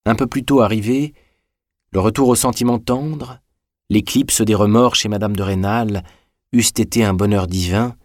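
Low voiced guy reading a novel aloud, calm even pace, dry sound. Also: normal speed, no echo. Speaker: audiobook reader. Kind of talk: scripted audiobook narration.

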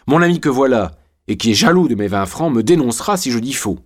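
A man's voice: medium pitch, animated, quick pace, pitched above the performer's own voice, lightly acted. A man voicing a cheerful, cunning convict in an audiobook, speaking in a sly, boastful way.

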